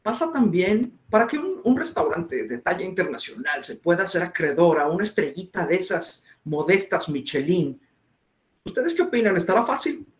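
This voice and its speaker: A man's voice: high-pitched, sing-song, moderate pace, echoey room. A man giving an interactive online lecture, asking his audience many questions. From northern Mexico. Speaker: webinar speaker.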